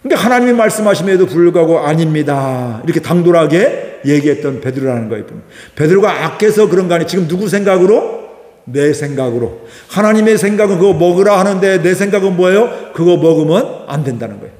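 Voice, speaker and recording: A male pastor with a fairly high voice delivers a Sunday sermon in a church sanctuary. He keeps asking the congregation questions and acts out the voices of the people he quotes. His words ring through a roomy hall with a long reverb tail. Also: expressive, fast talker, darkish tone.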